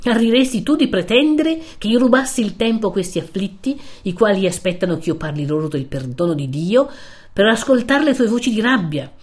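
A woman's voice: on the low side, darkish tone, lightly acted. A woman voicing a stern, righteous old male friar who rebukes a young man, solemn and grave.

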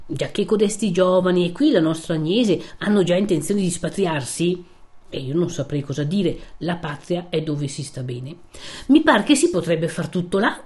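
A woman's voice: lowish voice, a little mellow, lightly acted. A woman reading aloud, voicing a timid, fussy old village priest who talks in a worried, wordy, cautious way. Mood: fretful. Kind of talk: reading a classic novel aloud.

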